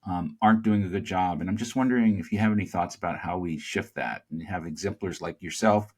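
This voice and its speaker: A male podcast host with a very low voice asks a guest long questions. He stops and restarts often and leans on fillers as he searches for his words. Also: breathy edge. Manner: halting, many fillers, long winding questions. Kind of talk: interview questions.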